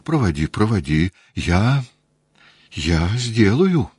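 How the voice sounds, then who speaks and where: Male reader as a flustered helper, quick and breathless, deep dry voice. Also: sing-song, a little mellow, breathy edge, no room sound, heavily acted. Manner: hurried, breathless. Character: flustered man eager to help.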